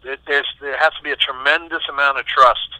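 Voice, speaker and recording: Man with a sharp, forceful voice. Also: mid-range voice, a little fast, dry recording, poor audio. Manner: animated, acts out quoted voices, many restarts. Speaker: session guitarist, interview guest. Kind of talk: storytelling interview answers.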